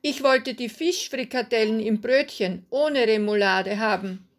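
Lady reading out a grumpy customer guy, indignant and insistent, slowish storybook telling. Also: a little high. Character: complaining middle-aged man, indignant fussy customer.

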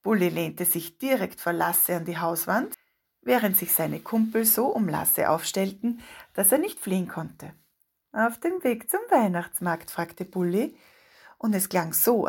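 Husky woman reading a children's story. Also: mid-range voice, unhurried. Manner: steady, expressive reading.

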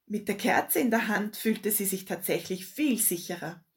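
Female storybook narrator, husky, mid-pitched, calm expressive reading. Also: moderate pace.

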